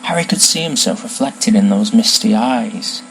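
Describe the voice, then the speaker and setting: A man reading a novel aloud as narrator, with expressive, lively storytelling. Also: medium pitch, normal speed, gravelly, slight background noise, rough recording.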